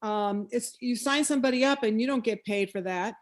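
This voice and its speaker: A woman's voice: on the high side, fairly quick. A woman health professional and coach speaking on a group video call, conversational and explanatory with a light touch of humor. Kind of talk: casual sharing on a video call.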